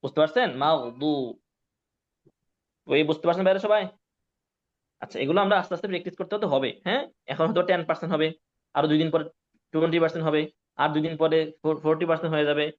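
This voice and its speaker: A man's voice: a little high, fairly even intonation, very fast. A man teaching Quran recitation to a class, drilling syllables and often checking whether his students follow. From Bangladesh. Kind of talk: classroom lesson. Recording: dull lo-fi sound.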